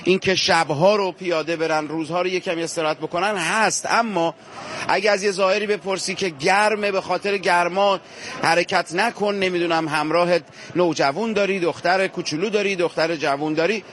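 A male field reporter with a slightly raised pitch speaks with fervent emphasis, turning from the camera audience to the families he meets. He stays outdoors among walking pilgrims, and his delivery is firm and heartfelt. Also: fairly even intonation, a bit bright. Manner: fervent, emphatic, addresses viewers directly. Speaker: on-location reporter. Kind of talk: street interview on a pilgrimage walk.

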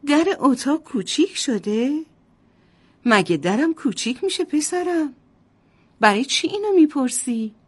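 A kind, cheerful mother from a bedtime storybook played by a woman. Her voice is fairly high and very lively, and it lilts up and down warmly in a storybook way. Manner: warm, lilting storybook voice.

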